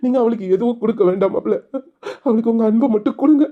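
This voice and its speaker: A man's voice: very high-pitched, racing, narrow, tinny audio. An actor playing a grieving brother who pleads emotionally for his sister's husband to show her love. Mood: pleading.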